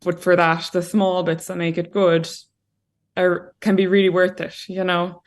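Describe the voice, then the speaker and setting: Over a video call from home, a young woman from Ireland gives a relaxed interview in a lowish, flat voice at a measured pace. Her chatty speech is full of fillers like "like" and "you know."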